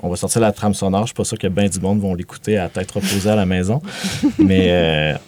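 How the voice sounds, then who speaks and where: A man's voice: low voice, fairly quick, a little mellow. A man in his late thirties with a Quebec French accent. He is a film director talking reflectively in a casual interview, stammering and laughing between thoughts. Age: late 30s.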